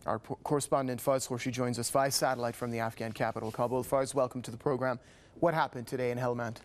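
A man's voice: mid-range voice, fairly even intonation, fast talker. A man working as a news anchor, reading scripted news reports and putting questions to a correspondent.

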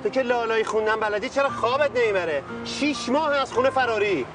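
A man's voice: extremely high pitch, lively intonation, over music. A bitter defiant young man. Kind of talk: TV drama acting.

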